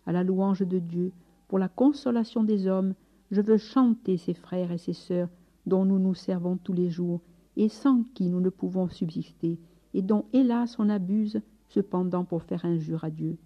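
A woman's voice: fairly low pitch, steady tone, a little slow. A woman voicing a sick, humble male friar who prays devoutly and recites solemn praise. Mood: joyful praise. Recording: slightly dull recording with soft music.

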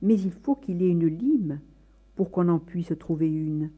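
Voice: mid-range voice, a little slow, phone-quality sound, close to an everyday voice. A reader voicing a frantic, fierce mother. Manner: urgent, commanding.

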